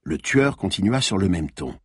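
A man narrating a thriller audiobook in an expressive, dramatic reading. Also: sits low, normal speed, slightly rough, no room sound, clean studio sound.

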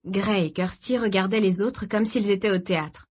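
A woman reading a novel aloud as narrator in a measured, even way. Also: medium pitch, husky. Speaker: audiobook narrator. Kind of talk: scripted narration.

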